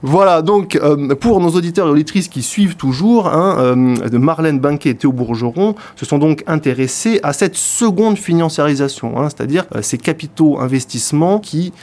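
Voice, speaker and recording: A man's voice: fairly high pitch, animated, moderate pace, hardly any pauses, darkish tone. A man giving a radio book review in speech, hesitant, full of fillers and repeated words. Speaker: radio columnist.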